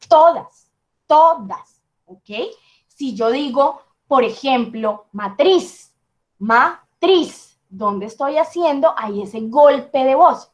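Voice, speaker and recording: A woman teaching a class, explaining patiently and checking in often with her students. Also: high voice.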